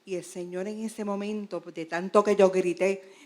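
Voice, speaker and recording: Woman, Puerto Rican accent, pastor, personal testimony, middle pitch, earnest fervent telling. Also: fairly even intonation, normal speed, darkish tone. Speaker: pastor giving testimony in class.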